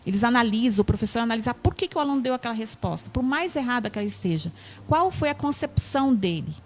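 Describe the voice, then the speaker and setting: A woman's voice: on the high side, expressive, quick pace, a little hiss or hum. A Brazilian woman, a teacher, explaining earnestly as a guest in a TV interview and repeating her key points. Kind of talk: TV studio interview.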